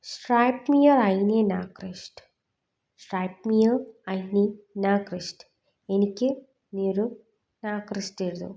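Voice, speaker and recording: A woman teaching a lesson, slow and deliberate. She says each phrase twice, then stops to explain what it means. Her voice is mellow and warm, at a middling pitch. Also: fairly even intonation, vocal fry, highs cut off. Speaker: language teacher. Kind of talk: explaining in Malayalam.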